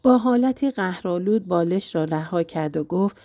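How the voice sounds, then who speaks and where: Female audiobook narrator; dark, mellow tone, dry close mic. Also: on the low side, expressive, no room sound. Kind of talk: novel reading.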